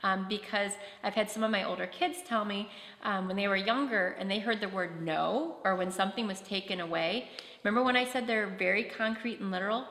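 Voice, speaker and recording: A woman's voice: medium pitch, fairly quick, a bit bright. A woman presenting a practical workshop talk at a conference, explaining with concrete classroom examples. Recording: echoey hall.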